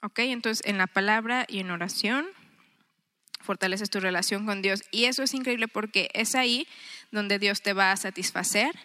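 Bright-voiced woman giving an earnest devotional talk. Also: mid-range voice, moderate pace. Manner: chatty, earnest, acts out her inner thoughts. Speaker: women's devotional speaker. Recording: long reverb.

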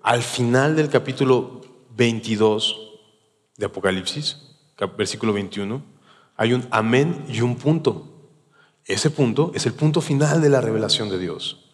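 A man's voice: medium pitch, unhurried. Mexican man teaching scripture in a hall. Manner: conversational, tags points with rhetorical questions. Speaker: Bible teacher. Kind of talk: casual verse-by-verse Bible teaching. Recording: long hall reverb.

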